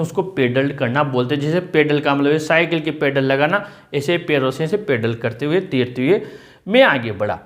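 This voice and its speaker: A man teaching a class, speaking with an Indian accent. He reads English lines slowly, then explains each word patiently and often repeats it. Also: a little high. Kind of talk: line-by-line textbook explanation.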